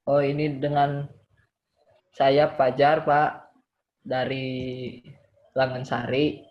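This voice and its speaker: A man's voice: mid-range voice, flat delivery, very slow. A man playing a polite middle-aged patient on a health call, deferential and hesitant, describing things piece by piece. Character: polite middle-aged male patient reporting his symptoms. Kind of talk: role-played patient call. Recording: dull lo-fi call audio.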